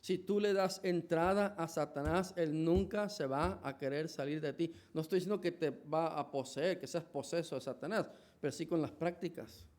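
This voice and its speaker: A man's voice: a little high, normal speed, darkish tone. A man with a Mexican Spanish accent preaching a sermon in a church, conversational, with many restarts and rhetorical questions. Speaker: pastor.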